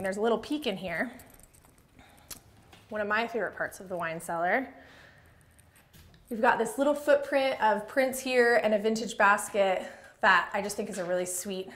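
Speaking a little fast in a medium-pitched, fairly bright voice, a thirtysomething American woman leads a conversational, enthusiastic home tour as an interior designer. A clip-on lapel mic picks her up inside a large open-plan house with hard floors.

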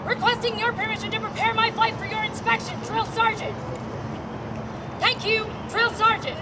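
A woman's voice: extremely high pitch, little pitch movement, normal speed. A teenage girl cadet calling out military drill commands and formal reports outdoors. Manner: formal, shouted call-out delivery. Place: open outdoor parking lot. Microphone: far camera microphone. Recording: distant outdoor mic, loud crowd noise.

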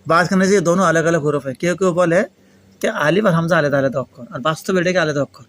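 A man's voice: a little high, fast talker, fairly bright tone. A man from Pakistan with a Pakistani accent and native Urdu, teaching interactively in a foreign learner's Bengali mixed with Urdu, repeating and prompting with questions. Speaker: Arabic grammar teacher. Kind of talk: interactive lesson, explaining and quizzing students.

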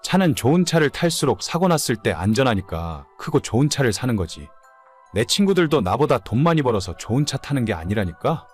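A man's voice: mid-range voice, big pitch swings, brisk, breathy edge, soft background music. A man playing an immature, whining, hungover husband in his late thirties in a dramatized story. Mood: whiny, insistent. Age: late 30s. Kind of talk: dramatized audio story dialogue.

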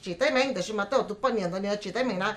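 A woman's voice: medium pitch, rapid-fire. A woman on a talk show panel speaking casually, switching between English and another language.

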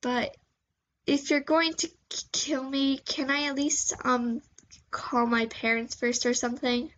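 A woman's voice: high voice, flat delivery, measured pace, a bit bright. A woman voicing a nervous young bystander who stammers with a shaky voice.

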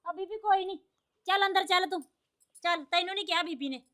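Soft placating daughter-in-law woman plays her, gentle and quiet, very high. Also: fairly quick, no echo, clean studio sound. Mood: soothing. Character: meek, soothing young daughter-in-law.

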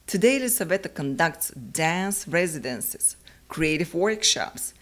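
A woman in her forties from Bulgaria hosting a studio interview in a polished, upbeat presenter manner, on a lapel mic. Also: sits low. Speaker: host. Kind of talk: scripted intro and interview questions. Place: small studio set, indoors.

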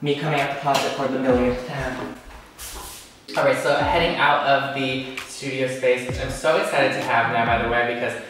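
A man's voice: mid-range voice, flat delivery, moderate pace, noisy background. A young man in his twenties from Washington State, a beauty vlogger giving a bubbly, sassy tour of his empty apartment. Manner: bubbly, gushing, sassy exclamations. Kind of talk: casual vlog apartment tour. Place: large empty apartment indoors. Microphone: handheld camera at arm's length and far camera. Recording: very echoey empty room, distant mic, music behind.

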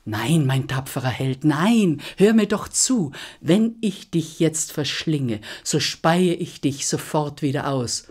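A woman's voice: low-pitched, lively intonation, takes it slowly, few pauses, darkish tone, husky, full character voice. A woman voicing a grateful, cunning male dragon, pleading and coaxing in a storytelling performance.

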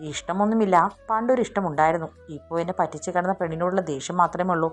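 Brief: woman voicing a possessive young boss, sly and jealous, lowish tone, soft music underneath. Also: fast talker, lightly acted. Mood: sly, angry.

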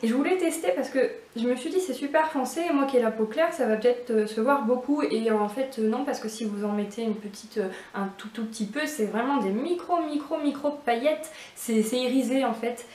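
A woman's voice: on the high side, brisk, few pauses, darkish tone, recorded from a distance. Chatty woman in an echoey room. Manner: chatty, hesitant with many fillers. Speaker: beauty box vlogger. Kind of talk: casual unboxing chat. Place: indoors at home.

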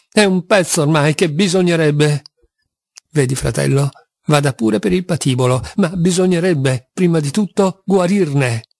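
A man's voice: on the high side, no room sound. A man reading an audiobook, voicing a passionate, tormented young man who swings between despair and wild exultation. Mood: feverish.

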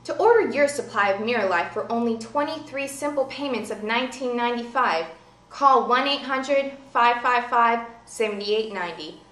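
A young woman playing an insistent infomercial saleswoman, delivering a scripted TV sales pitch. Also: normal speed, a bit bright, reverberant, lightly acted, low-quality recording. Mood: urgent selling. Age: young adult. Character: brisk infomercial saleswoman pitching a miracle serum. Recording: faint background noise, amateur video.

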